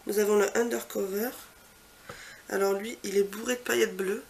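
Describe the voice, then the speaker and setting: Gravelly-voiced woman gushing over makeup. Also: medium pitch, steady tone, moderate pace, a little hiss or hum. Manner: chatty, trails off into soft quiet asides; gushing, repeats superlatives. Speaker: beauty vlogger. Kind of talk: casual product swatch walkthrough.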